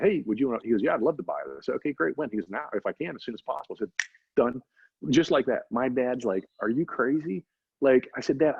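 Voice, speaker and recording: A middle-aged man, an interview guest, telling animated faith-driven stories and often asking "right?". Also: medium pitch, slightly rough, dry recording. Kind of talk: casual storytelling interview. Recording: dry, slightly dull recording.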